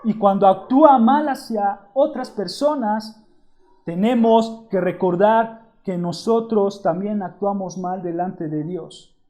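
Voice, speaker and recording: A man preaching a sermon as pastor, reading scripture aloud and calling his listeners brothers in a measured, emphatic way. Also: high voice, warm tone.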